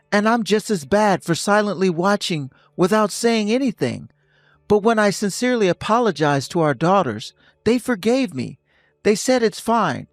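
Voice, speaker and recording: A man in his fifties voicing a stern husband who speaks calmly and coldly, lecturing his wife. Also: high voice, no echo, studio quality. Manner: calm, cold and lecturing. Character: stern husband ending a toxic marriage.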